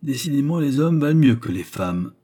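A man reading the part of a gruff, grumbling old male professor who is a confirmed bachelor, in an audiobook. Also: medium pitch, big pitch swings, normal speed, mellow, pitched above the performer's own voice.

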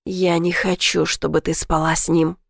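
Brief: woman doing a possessive young male lover for an audiobook, husky low murmur, dry close sound. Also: fairly even intonation, measured pace, a little mellow, no echo, natural voice.

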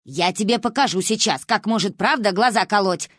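A woman voicing a stern, sharp-tongued grandmother who grumbles and mocks. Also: medium pitch, expressive, brisk, no room sound, clean studio sound, natural voice. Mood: scolding.

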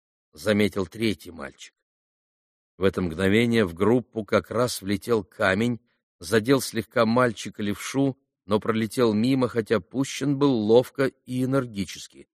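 A man narrating a classic novel in an even, measured audiobook reading. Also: on the low side, no echo, studio quality.

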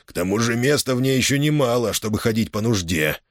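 A man's voice: medium pitch, lively intonation, fast, dry recording, clean studio sound, natural voice. A man voicing a stern, condescending jail commandant who makes menacing threats in an audiobook. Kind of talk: audiobook character voice.

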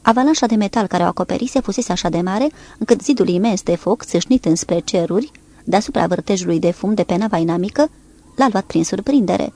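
The narrator, a woman with a mid-range voice, reads a naval war novel aloud as an audiobook. Her pacing stays steady and measured, and she brightens her tone slightly on dialogue.

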